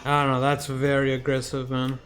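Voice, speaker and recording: A man casually commenting on his card game as he plays, thinking aloud and getting excited at wins. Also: mid-range voice, fairly quick, soft background music. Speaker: game streamer.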